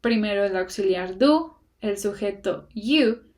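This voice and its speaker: A woman teaching an English grammar lesson in Spanish, explaining step by step in a patient way and pronouncing the example sentences slowly and carefully. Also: mid-range voice, lively intonation, darkish tone.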